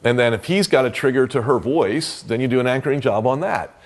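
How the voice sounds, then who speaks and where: A man's voice: mid-range voice, brisk. A man teaching therapy techniques in a loose, conversational way, with many fillers and restarts. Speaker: therapy trainer. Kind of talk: casual teaching talk.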